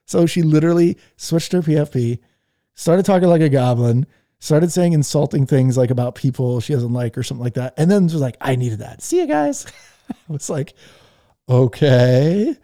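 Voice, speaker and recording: A man's voice: fairly high pitch, a little fast, mellow. A man hosting a podcast, telling stories in rambling casual chat full of fillers. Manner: rambling, filler-heavy storytelling. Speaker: podcast host. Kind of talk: casual chat on a live audio room.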